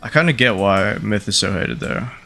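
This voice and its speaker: A man's voice: lowish voice, lively intonation, normal speed, gravelly, sharp tone, a little hiss or hum. A man giving casual game commentary as a video host, in an offhand, frank way.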